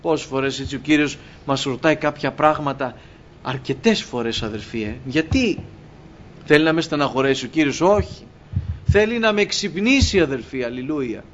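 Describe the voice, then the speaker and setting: A man's voice: fairly high pitch, expressive, slight background noise. A man preaching a sermon to his congregation, addressing them as brothers and acting out exchanges with God. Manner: impassioned, acts out dialogues with God, addresses brothers. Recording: dull lo-fi recording with faint ambience.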